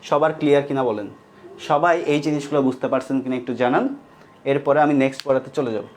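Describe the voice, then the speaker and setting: A young man teaching an online class, speaking slowly and repeating each line so students can copy it, often asking a question and answering it himself. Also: medium pitch, fairly even intonation, darkish tone, a little hiss or hum. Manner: slow dictation, repeating lines and asking then answering his own questions.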